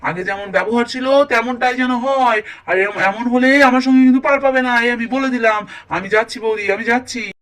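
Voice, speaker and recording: This is a quick-tempered young husband in a cartoon, played by a man. His very high, sharp voice blusters with warnings. He sounds distant from the mic. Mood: blustering.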